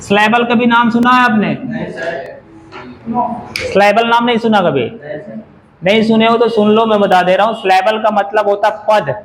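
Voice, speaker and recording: Very high-voiced male teacher lecturing a class. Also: moderate pace, pauses often, slight background noise, low-quality recording. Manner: keeps firing questions at the class; drills words by saying them over and over. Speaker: English grammar teacher. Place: classroom with students.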